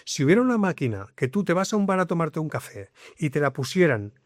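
A man's voice: a little high, quick pace, no room sound, studio quality. Man explaining on a podcast. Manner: explanatory, lively, leans on repetition. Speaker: guest, communication coach. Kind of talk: conversational interview.

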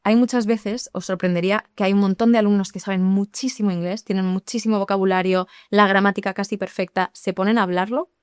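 Lively woman explaining. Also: mid-range voice, fast, few pauses, clear, resonant tone, no echo, studio quality. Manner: lively, explanatory, addresses listeners directly. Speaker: English teacher. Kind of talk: podcast conversation.

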